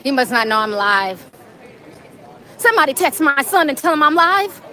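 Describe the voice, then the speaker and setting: A woman's voice: high voice, very animated, sharp tone. A woman livestreaming casually as she walks, chatting and laughing with viewers, at times out of breath from hurrying. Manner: chatty, laughing, walks fast and runs while talking. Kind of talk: casual live-stream vlog. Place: outdoors on a busy city street. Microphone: phone camera held in hand. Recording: crowded street, some far-off pickup. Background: crowd chatter.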